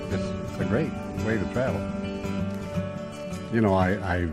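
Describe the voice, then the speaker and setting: An older man with a low voice tells his story in a relaxed, folksy ramble, full of "uh" and "you know." He is speaking inside his travel trailer. Loud guitar music plays behind him the whole time. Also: unhurried. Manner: folksy, easygoing, rambling with fillers. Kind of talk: casual conversational storytelling.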